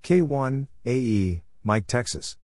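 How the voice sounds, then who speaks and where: This Morse code practice narrator speaks slowly in a mid-range, somewhat mellow voice with lively intonation. He reads a drill of radio exchanges in brief, separate phrases, spelling each letter and number individually. The sound is clean studio audio without any room sound.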